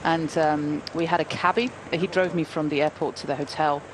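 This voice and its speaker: In a low, steady voice at normal speed, a female cycling commentator in her forties chats about a live race, sharing anecdotes and saying um often. The background is noisy with race sounds.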